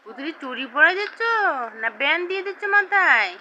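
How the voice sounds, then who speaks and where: A woman, chatting with a toddler in sing-song baby talk and asking gentle question after question. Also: high-pitched, lively intonation, fast talker. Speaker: parent talking with a small child. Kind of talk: home video, chatting with a toddler. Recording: dull lo-fi home recording with faint noise.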